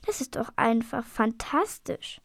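Excitable storybook dragon, male, read by a woman, highish, gravelly. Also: measured pace, no room sound, heavily acted. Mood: eager.

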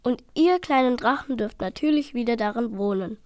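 A woman voicing a huge, gentle male giant who speaks slowly and kindly in a storybook reading. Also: lively intonation, no room sound, studio quality, lightly acted. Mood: content. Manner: slow, deep-voiced, kindly.

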